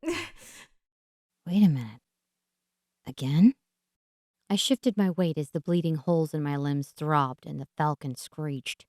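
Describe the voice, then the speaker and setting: This audiobook narrator, a woman whose voice sits fairly low, reads fantasy with theatrical, measured delivery and dramatic pauses. Her tone is clear and resonant, captured in a close, dry recording with no room sound.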